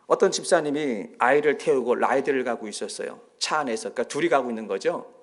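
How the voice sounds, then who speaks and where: A pastor preaches a sermon in a church sanctuary, his mid-range voice moving at a quick pace. He tells stories with animation and acts out the voices of the people in them.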